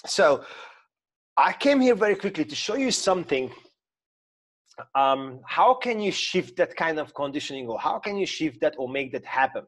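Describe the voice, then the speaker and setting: A man's voice: fairly high pitch, big pitch swings, normal speed, a bit bright. A man in his thirties from Hungary with a Hungarian accent, explaining mindset ideas in an informal talk while sharing his screen, hesitant with many fillers and restarts. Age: 30s. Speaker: mindset coach.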